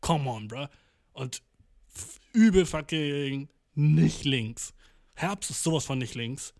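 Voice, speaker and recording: A young man talking in a fairly high voice, reacting to news on stream. He is slangy and profane, sprinkling in English words and putting on mock voices for the countries he talks about. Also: expressive, slow pace, gravelly, a little mellow. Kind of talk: casual reaction commentary.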